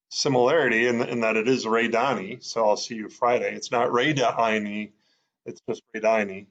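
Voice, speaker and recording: A man's voice: mid-range voice, fairly bright tone, muffled recording. A man teaching in a casual, thinking-aloud way, with many fillers as he sounds out words. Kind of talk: casual explanatory lesson.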